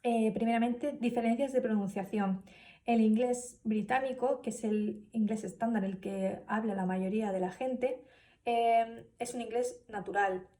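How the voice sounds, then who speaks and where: A woman's voice: on the high side, steady tone, measured pace, mellow, distant mic. A woman giving a spoken class presentation, hesitant, with many fillers and restarts. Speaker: student presenter.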